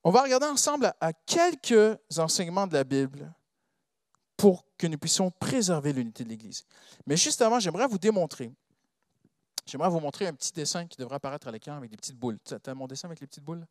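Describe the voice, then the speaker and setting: A man's voice: fairly high pitch, fast, no room sound, clean studio sound. A man preaching a sermon in French with a non-native accent, often asking the congregation questions. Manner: animated, asks the congregation rhetorical questions.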